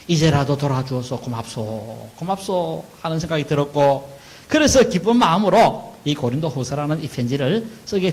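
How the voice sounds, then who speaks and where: A man's voice: on the high side, darkish tone, low-quality recording. A middle-aged man preaching a sermon as pastor, asking questions and answering them himself. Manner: acts out wailing mourners in a raised voice.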